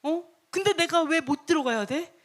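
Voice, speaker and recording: A woman's voice: very high-pitched, expressive, normal speed, voice pushed up. A woman voicing an arrogant, stubborn male foreign king who demands and boasts.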